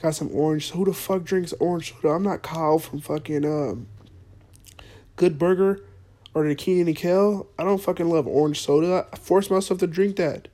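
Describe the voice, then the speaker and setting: A man hosting a podcast with a mellow, darker tone and a slightly high voice. He rants in a profane, mock-earnest way, circling back over his words. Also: steady tone, moderate pace. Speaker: podcast host. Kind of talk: comedic podcast monologue.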